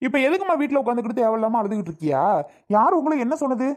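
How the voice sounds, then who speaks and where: A woman's voice: a little high, big pitch swings, racing, a little mellow. A woman voicing a grown son in a cartoon, blunt and exasperated. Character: grown son, impatient and dismissive. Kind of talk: animated cartoon voice acting.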